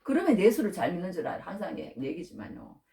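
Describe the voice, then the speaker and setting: A woman's voice: fairly low pitch, huge pitch swings, fast talker, vocal fry, mellow. Female preacher, emphatic and repetitive, talks straight to the congregation; roomy hall, mic set back. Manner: emphatic, repeats key phrases again and again; conversational, addresses listeners directly. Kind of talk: sermon. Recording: echoey hall, from far off the mic.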